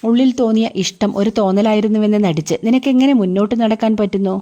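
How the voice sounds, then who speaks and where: A woman's voice: medium pitch, fast talker, warm tone, highs cut off, natural voice. A woman reading the lines of an upset young man who confronts his friend, in a reproachful, pressing way. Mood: hurt, angry. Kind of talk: audiobook character reading.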